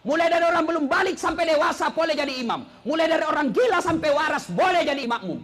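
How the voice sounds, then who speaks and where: A man from South Sulawesi giving a humorous sermon, joking and acting out characters, dropping low for punchlines. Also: animated, quick pace, fairly bright tone. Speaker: preacher.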